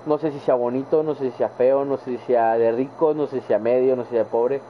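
A young adult man with a northern Mexican accent chats casually with his viewers during a live game stream, rambling in slang. His mid-range voice is steady in tone and brisk. The audio is tinny, like a phone, with faint background noise.

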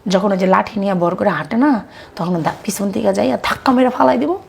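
A woman's voice: mid-range voice, fairly quick, gravelly, a little mellow, natural voice. A woman playing a scheming daughter-in-law. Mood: plotting. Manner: sneering, conspiratorial.

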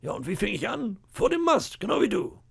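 A man doing Long John Silver, gravelly old pirate. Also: high voice, wildly swooping pitch, fairly quick, voice pushed up, full character voice. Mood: sly. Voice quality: gravelly, raspy. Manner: sly, bragging, chuckling. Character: boastful scheming old pirate cook, man about fifty. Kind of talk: audiobook character voice.

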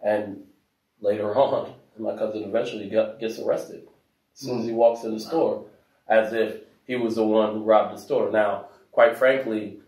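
A man from Africa telling a story in a casual discussion, soft-spoken with many fillers. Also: fairly low pitch, steady tone, moderate pace. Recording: roomy echo, mic at a distance.

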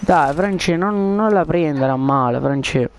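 A man's voice: fairly high pitch, a little slow, a little hiss or hum. A man chatting casually over a game headset, rambling with lots of fillers and coaxing a friend during a prank. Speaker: gaming video creator. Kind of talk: casual gaming chat and prank.

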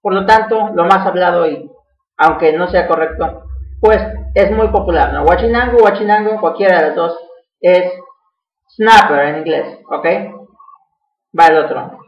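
A man's voice: high voice, vocal fry, lo-fi sound. Male teacher, patient repetition drill, heard from across an echoey room. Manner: repeats each word slowly, checking with "¿ok?". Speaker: English teacher. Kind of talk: classroom vocabulary drill. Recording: echoey room, mic far off.

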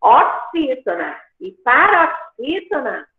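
A woman teacher gives a patient online grammar lesson, pausing to check that the class follows along. Her voice is high and swoops a lot, and she speaks slowly. It comes through a tinny, phone-like line from an echoey room. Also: very animated. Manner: patient, repeats points with "tá?".

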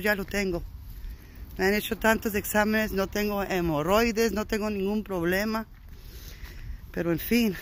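Brief: high-voiced male vlogger, worn-out and fed up, cursing and sighing outdoors, faint hiss behind him. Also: fairly bright tone, low-quality recording. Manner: weary, frustrated, sighing, profane, drawn-out phrases. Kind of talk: casual vlog talk. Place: outdoors on a short walk.

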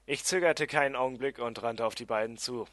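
A man's voice: mid-range voice, fairly quick, fairly bright tone, dry recording. A man reading his own first-person fantasy story as an audiobook, with uneven delivery and some restarts. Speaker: amateur audiobook reader.

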